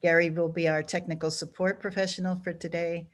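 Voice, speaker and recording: A woman's voice: lowish voice, flat delivery, brisk. A woman hosting and introducing speakers at an online event over a video call, speaking earnestly with small restarts. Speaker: program director and event host. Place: home or office on a video call.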